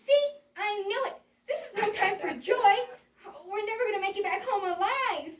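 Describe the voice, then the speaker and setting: A performer voicing a childlike, excitable puppet in a children's show, exclaiming and stammering, easily frightened. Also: very high-pitched, normal speed, a little hiss or hum. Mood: worried. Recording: roomy echo, distant mic.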